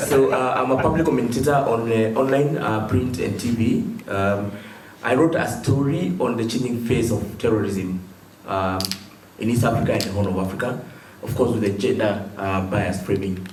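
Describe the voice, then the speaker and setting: A man's voice: medium pitch, normal speed. A public commentator welcomes the group in a jovial, easygoing way. His voice sits in the middle range. The recording is echoey and noisy, and he is away from the mic. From Kenya. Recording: echoey hall, distant mic, background noise.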